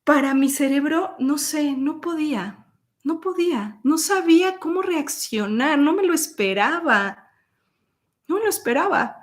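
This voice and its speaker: A woman telling a personal story as host, acting out quoted dialogue with sudden high peaks. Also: expressive, a little slow.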